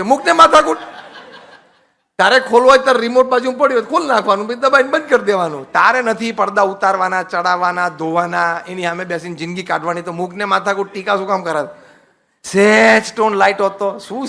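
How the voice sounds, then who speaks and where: A man's voice: high-pitched, gravelly, bright, forceful tone. A man, a monk, giving a humorous sermon, asking the audience rhetorical questions and mixing in English phrases.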